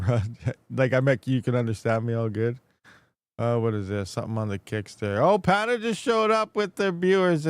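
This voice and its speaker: A man hosting a casual, rambling live stream, speaking with slightly slurred, toothless diction and soft S sounds from a swollen mouth after having teeth pulled. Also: mid-range voice, smooth, dry recording, clean studio sound. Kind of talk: casual rambling livestream chat.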